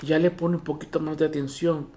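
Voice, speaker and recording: A pastor preaching a lively sermon from a home church, with a voice that sits in the middle range. The pastor keeps checking in with the congregation through rhetorical questions. Bible dialogue gets acted out with animation along the way. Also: medium pitch, a little fast. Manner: animated, repeats "¿me entienden?" to the congregation. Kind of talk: Spanish-language sermon.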